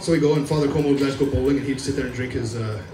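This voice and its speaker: A man's voice: medium pitch, fairly even intonation, racing, far from the mic. A man doing a loose, self-mocking stand-up set on a club stage, rambling and laughing at his own jokes. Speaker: stand-up comedian. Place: comedy club stage before a live crowd. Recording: roomy club audio from afar, crowd laughter.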